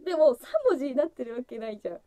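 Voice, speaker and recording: A woman's voice: rapid-fire, mellow, dry recording. A woman in her thirties hosting a casual solo livestream, chatting freely and breaking into laughter often. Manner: chatty and giggly, breaks into frequent laughter, voice jumping high. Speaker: livestream host opening fan gifts.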